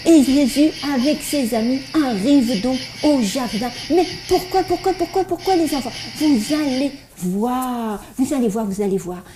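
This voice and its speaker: A woman's voice: high-pitched, measured pace, few pauses, noisy background. A woman voicing a cheerful, eager little child puppet who stutters heavily while telling a Bible story to children. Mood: storytelling. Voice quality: heavy stutter, repeats words many times.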